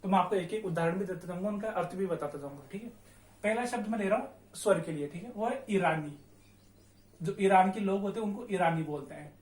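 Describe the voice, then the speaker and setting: A man's voice: sits high, brisk. A young man with a Rajasthani Hindi accent teaching a Spanish lesson. He spells words out letter by letter and keeps checking in with his listeners. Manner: repetitive, checks in often with "theek hai". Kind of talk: classroom-style language lesson. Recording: echoey room.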